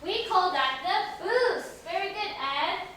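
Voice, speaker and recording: In a very echoey classroom, a woman teaches English to young children, asking simple questions, repeating words, and warmly praising their answers. Her voice is extremely high, animated, bright, and pushed, and she speaks at an unhurried pace. The distant microphone also picks up faint noise.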